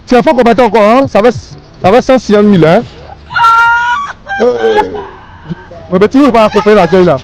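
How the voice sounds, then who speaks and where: A man's voice: sits high, expressive, moderate pace, pauses often, a crowd in the background, low-quality recording. A man with an Ivorian accent, filming himself outdoors at night on a phone, speaking in a coaxing, repetitive way with many tag questions. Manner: coaxing, repetitive, full of "hein". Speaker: man filming a street act of charity.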